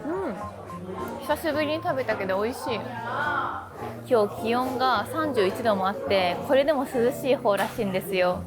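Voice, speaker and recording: A woman chatting casually through a travel vlog, playful and quick with self-deprecating jokes while she walks around sightseeing. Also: on the high side, lively intonation. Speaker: travel vlogger. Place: out and about sightseeing in a city. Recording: background music under voice.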